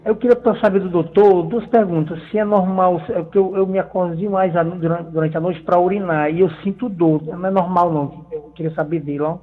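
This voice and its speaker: Um homem que liga para um programa de rádio, ouvido pelo telefone e fazendo perguntas com pressa. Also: male voice, high voice, steady tone, brisk, hardly any pauses. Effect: heard over the phone. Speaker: radio caller. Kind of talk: caller asking a question on a radio show. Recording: tinny phone line, far from the mic.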